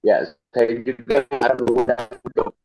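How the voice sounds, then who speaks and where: A man's voice: mid-range voice, steady tone, measured pace, warm tone, a little hiss or hum. A man asking a polite question in an online discussion, his voice breaking up over a glitchy video call. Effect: choppy breaking-up call audio. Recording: dull lo-fi dry call line.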